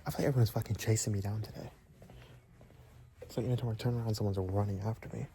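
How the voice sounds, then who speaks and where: A man's voice: fairly low pitch, fairly even intonation, quick pace, warm tone, slight background noise. A young man chewing gum and joking to viewers in a casual vlog, filmed on a handheld phone inside stores. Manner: playful, joking asides to viewers; chewing gum while talking. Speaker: vlogger.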